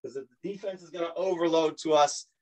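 New York basketball coach talking plays. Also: male voice, a little high, fast talker, poor audio. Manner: animated, repeats words, self-deprecating jokes. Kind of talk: coaching clinic explanation.

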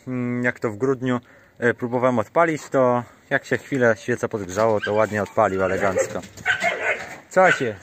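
A man's voice: on the low side, a little hiss or hum. A man vlogging outdoors on a small farm, chatting casually to the camera and coaxing his animals in a sing-song voice.

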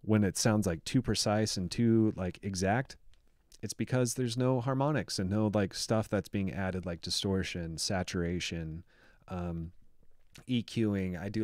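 A man's voice: sits low, darkish tone, dry recording. A man who produces music, walking through his production in a casual, enthusiastic way, full of filler words, talking into a studio microphone. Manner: chatty and enthusiastic, many "like" fillers.

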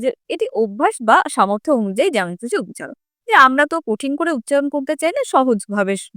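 A woman's voice: sits high, fairly bright tone, no echo, clean studio sound. A woman teacher explaining a grammar lesson step by step, often asking her students questions and then answering them herself.

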